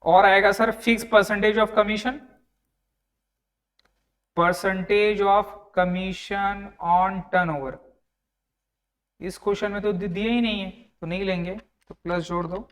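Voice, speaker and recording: A young man teaches an online class, and his voice sits a little high. He talks conversationally, repeating each figure and calling his students "sir" as he walks through the working. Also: fairly even intonation, normal speed, hardly any pauses, a bit bright. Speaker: tax tutor.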